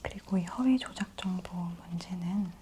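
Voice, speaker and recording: A woman host whispering softly and close in an ASMR news briefing, gently explaining things to the listener. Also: on the low side, slight background noise. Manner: slow, gentle explaining to the listener in polite speech.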